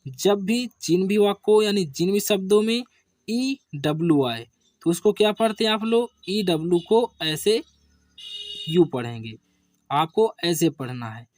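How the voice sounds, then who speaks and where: Slow, patient male teacher. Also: animated, darkish tone, dry recording, studio quality. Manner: asks questions and answers them himself, drops low on each answer; addresses viewers as children. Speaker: English teacher. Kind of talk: slow classroom-style spelling lesson.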